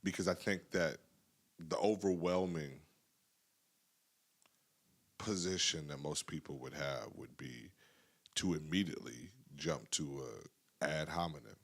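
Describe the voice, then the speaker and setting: Male podcast host with a very low voice, earnest and emphatic. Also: measured pace, long pauses. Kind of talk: casual podcast conversation.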